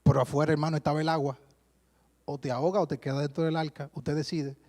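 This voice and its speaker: A man from the Dominican Republic with a Dominican accent, preaching a sermon to a church congregation and telling stories lively, often calling listeners brother. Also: on the high side, fast. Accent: Dominican Spanish. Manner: lively storytelling, keeps addressing listeners as brother. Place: church service before a congregation.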